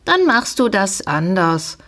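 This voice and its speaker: A woman voicing an eager, kind young girl in a storybook reading, with a bright, childlike tone. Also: mid-range voice, big pitch swings, slow pace. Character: eager, kind young girl who loves her pony.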